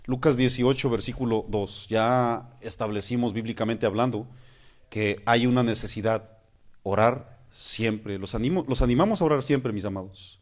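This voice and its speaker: A man's voice: mid-range voice, moderate pace. A man, a pastor preaching a sermon. He asks his listeners questions and keeps calling them "hermanos". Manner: acts out praying voices mid-sermon.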